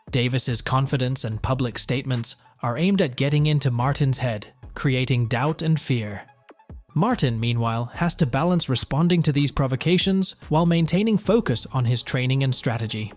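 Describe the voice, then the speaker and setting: A man's voice: mid-range voice, normal speed, darkish tone, faint music behind. A man narrating a scripted sports news report.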